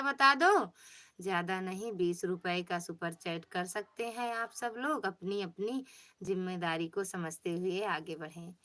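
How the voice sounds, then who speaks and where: This Pratapgarh, Uttar Pradesh woman hosts a relaxed livestream on her phone, greeting viewers by name, coaxing them and reading their comments. Her mid-range voice has a fairly bright tone.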